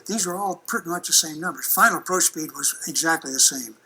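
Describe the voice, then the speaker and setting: Older guy giving a folksy engineering talk, bright edgy voice, chatty. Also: fairly high pitch, quick pace, husky, rough recording. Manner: folksy, conversational, many restarts. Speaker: aerospace engineer giving a lecture. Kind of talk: presentation with slides and video clips.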